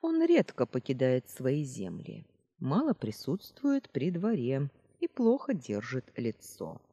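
A woman reading the part of a calm male dragon who explains things in a measured way. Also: rumbling low, breathy edge, full character voice. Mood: reasoning. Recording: roomy reverb.

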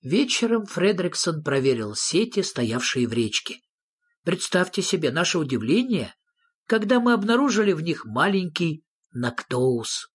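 Expressive breathy storybook reader. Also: mid-range voice, moderate pace. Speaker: narrator. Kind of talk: audiobook reading of a children's story.

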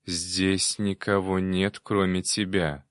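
A man voicing a calm, clever male demon companion who speaks in a measured way. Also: low voice, dry recording, studio quality.

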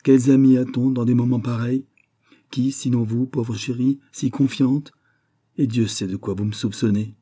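A man reads as an ironic young society woman, her voice lifted well above his own low register, dark and husky in tone. She is proud, defiant and quietly mocking, as if in a storybook. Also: steady tone, normal speed, lightly acted. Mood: pleading.

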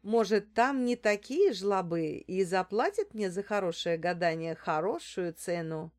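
A woman reading an audiobook, voicing a disguised female fortune-teller with a squeaky, theatrical, wheedling way of talking. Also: a little slow, a little mellow, lightly acted.

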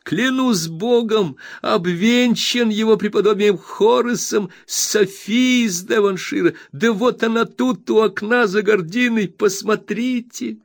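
A man voicing an excitable, overjoyed young man who gushes in high, breathless exclamations. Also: a little slow, hardly any pauses. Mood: exclaiming.

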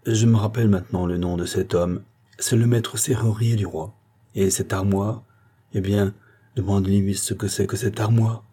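A man voicing a shrewd, thoughtful woman advising her husband quietly. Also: on the low side, steady tone, moderate pace, breathy edge. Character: shrewd female minister's wife, thoughtful.

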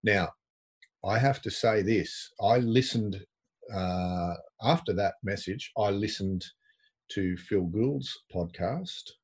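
A man's voice: on the low side, slow pace, breathy edge. A man with an Australian accent co-hosting a casual sports podcast, with dry, self-deprecating humour. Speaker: podcast co-host.

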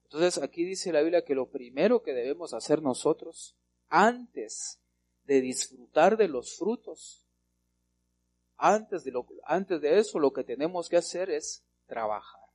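Emphatic preacher man with raised pitch. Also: expressive, a little mellow, breathy edge. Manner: addresses listeners as brother, frequent rhetorical questions; emphatic, stretches key words slowly. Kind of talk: Bible teaching sermon.

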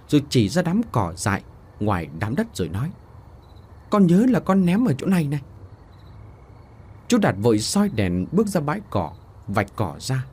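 A man narrating a Vietnamese village ghost story as a storytelling host, expressive throughout. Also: lowish voice, breathy edge.

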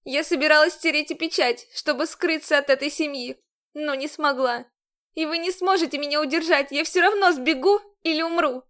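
A woman's voice: high voice, moderate pace, fairly bright tone, voice pushed up. A young woman on the run, tearful yet defiant in an audiobook scene, as the woman narrator voices her. Her lines come raised and urgent, with a pleading edge.

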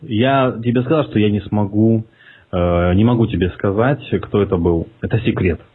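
A man's voice: lowish voice, normal speed, breathy edge. A man making a prank phone call in a mocking, provocative way, swearing as he goes. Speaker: prank caller. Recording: tinny phone line.

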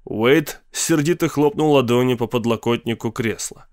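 Measured male storyteller, dry sound. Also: mid-range voice, a little mellow, dry recording. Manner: measured, reads all the parts himself. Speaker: narrator. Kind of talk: storybook reading.

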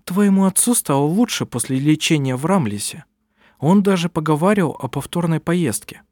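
A man reading aloud, voicing a proud, sharp-tongued middle-aged witch who is a mother, with dry, cutting remarks. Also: fairly high pitch, expressive, moderate pace, no room sound, voice pushed up. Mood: stern.

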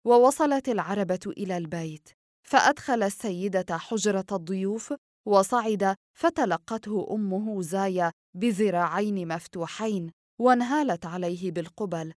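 A woman reading a novel aloud as an audiobook narrator, with steady storytelling. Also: mid-range voice, no echo, studio quality. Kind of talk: scripted narration.

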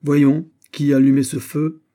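A man's voice: a little high, little pitch movement, moderate pace, dark tone, voice pushed up, close to an everyday voice. A man reading an audiobook, voicing an imperious male general who speaks in a stern, sonorous way. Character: commanding middle-aged male general. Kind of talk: audiobook character voice.

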